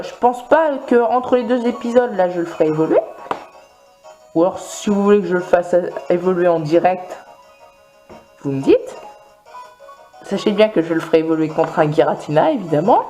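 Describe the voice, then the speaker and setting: A man's voice: fairly high pitch, warm tone. A man doing casual gameplay commentary, rambling along with many fillers and restarts. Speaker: video game let's player.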